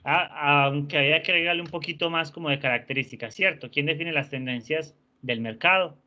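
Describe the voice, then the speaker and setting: Bright-voiced male teacher. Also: on the high side, fairly quick. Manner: patient, encouraging, uses diminutives. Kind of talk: online class lecture. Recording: dull lo-fi sound.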